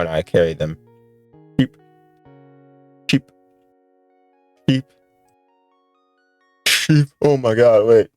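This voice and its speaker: A man's voice: mid-range voice, dry recording. Man, let's-play streamer, joking and chatty, dry sound, faint music behind. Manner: joking, chats with viewers. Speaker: streamer playing a visual novel. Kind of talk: casual let's-play commentary.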